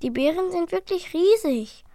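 An eager young boy dragon, voiced by a woman bursts with plans and bossy commands in a storybook tale. His voice sits high and bright with lively energy. The recording is dry and close. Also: moderate pace, vocal fry, no room sound, full character voice. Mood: excited.

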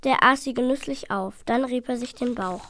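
High-voiced woman reading a children's story. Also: normal speed. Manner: lively, expressive.

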